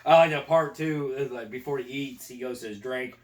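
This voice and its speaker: A man's voice: medium pitch, brisk, far from the mic. Man, casual movie chat, profane, laughing, echoey room. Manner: laughing, profane, quotes scenes in put-on voices. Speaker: podcast co-host.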